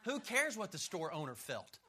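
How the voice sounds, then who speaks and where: A man's voice: sits high, sing-song, moderate pace, sharp tone. A middle-aged man preaching a sermon as a pastor, emphatic and punchy, joking and drawing call-and-response from the crowd.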